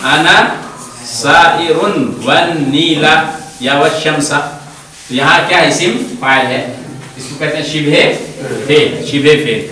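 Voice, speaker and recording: A man's voice: on the high side, sharp tone. Guy teaching grammar to a room of students, keeps repeating stuff and quizzing them, mic far off, lots of echo. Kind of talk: classroom lecture. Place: seminary classroom. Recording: very echoey room, distant mic, students around.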